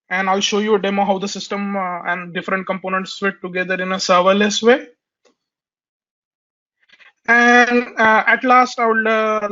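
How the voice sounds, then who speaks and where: A webinar presenter with a fairly high, bright and forceful voice, nasal from a cold, walks listeners through a technical topic. He hesitates often, filling gaps and restarting phrases. The audio is muffled and lo-fi, like a conference call.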